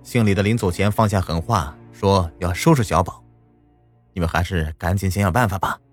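A man voicing a timid, placating middle-aged village uncle in an audio story, speaking low and nervously. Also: normal speed, slightly rough, faint music behind. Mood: worried.

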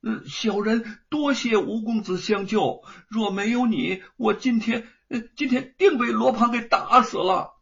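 A man's voice: high voice, a little slow, creaky, few pauses, fairly bright tone, voice pushed up, heavily acted. A man doing a humble, stammering peasant. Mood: grateful. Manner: stammering, pleading. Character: poor male peasant, humble and pleading. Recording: dull lo-fi recording.

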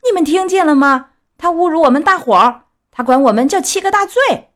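A woman voicing a gang of rude, mocking schoolboys in a storybook reading, shrill, jeering and shouty. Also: lively intonation, a little fast. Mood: threatening.

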